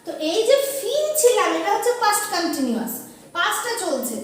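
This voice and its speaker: A woman teacher giving an exam-prep grammar lesson, dictating examples slowly and answering her own questions. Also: very high voice, big pitch swings. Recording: echoey room, voice from a distance.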